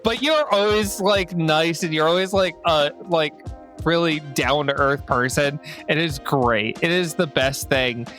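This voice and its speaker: Male podcast host, somewhat high voice, enthusiastic, filler-heavy casual chat. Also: unhurried, fairly bright tone, soft background music. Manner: gushing, heavy use of filler "like". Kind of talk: casual conversation.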